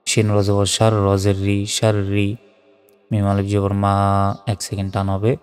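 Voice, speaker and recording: A man teaching Quran recitation letter by letter, moving between slow chanted recitation and plain spoken explanation. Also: fairly low pitch, monotone, darkish tone, clean tone, soft background music. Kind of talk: spelled-out recitation lesson. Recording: long reverb.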